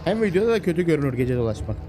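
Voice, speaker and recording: A man giving casual, excitable let's-play commentary, chatting away and talking to the animals in the game. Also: a little high, very fast, soft background music. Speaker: gameplay commentator.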